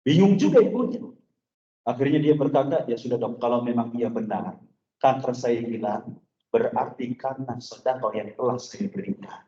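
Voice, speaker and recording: A man's voice: mid-range voice, expressive, moderate pace, mellow. Man preaching in an echoey mosque. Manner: talks straight to the congregation in a loose, chatty storytelling way. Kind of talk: conversational sermon storytelling. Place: mosque hall. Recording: echoey, dull mosque recording.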